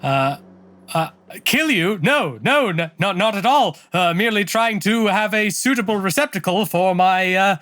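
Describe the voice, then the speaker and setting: A man playing a tabletop game, haltingly describing his character's actions as he thinks aloud. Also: sits high, expressive, a bit bright.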